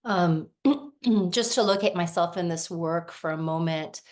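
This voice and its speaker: This Lebanese-born woman in her forties, raised in America, talks unhurriedly in a lowish voice. As a somatic practitioner she delivers a thoughtful workshop talk, frequently checking in with "right?".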